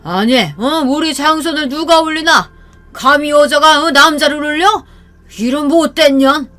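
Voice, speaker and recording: A woman's voice: on the high side, steady tone, moderate pace, close to an everyday voice. A woman voicing a drunk, belligerent older father-in-law who scolds and slurs, over faint music. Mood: enraged. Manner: slurring, scolding, shouting.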